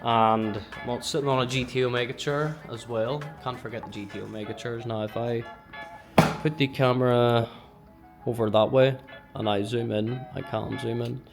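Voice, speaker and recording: Over background music, a Northern Irish man with a gravelly, medium-pitched voice talks at a normal speed with fairly even intonation. He's a gaming vlogger doing a chatty, rambling office tour on a handheld gimbal camera.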